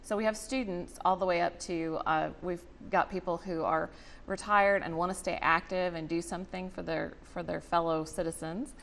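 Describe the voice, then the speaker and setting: A woman's voice: on the low side, fairly even intonation, moderate pace, creaky, fairly bright tone. A woman explaining things in a chatty, conversational way as an interview guest. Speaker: guest, representative of a volunteer reading charity.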